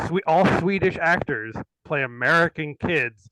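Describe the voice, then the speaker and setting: A man on a livestream, rambling cheerfully about films and laughing as he goes, a bit tipsy. His voice sits a touch high and sounds dry and close. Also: a little slow, bright, forceful tone, dry recording, rough recording. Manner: rambling, laughing, swears casually. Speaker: livestream co-host. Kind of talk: casual chat about movies.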